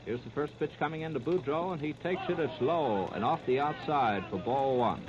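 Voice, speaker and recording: A man with a slightly high voice delivers play-by-play at a normal speed on a 1930s radio baseball broadcast. He keeps to terse, present-tense phrasing, heard through scratchy, noisy, muffled sound.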